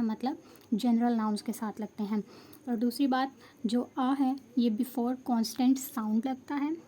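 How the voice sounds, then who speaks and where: Female grammar teacher, fairly high, soft warm tone, patient explainer. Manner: patient, checks understanding, mixes Hindi and English. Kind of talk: explanatory lesson.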